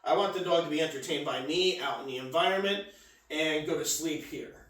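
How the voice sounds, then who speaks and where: Casual man dog trainer, a bit high, talking from off-mic in a very echoey room, tagging his points with "all right?". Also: fairly quick, fairly bright tone, distant mic. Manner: repeats "all right?" as a check-in, restarts words. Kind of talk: casual instructional talk.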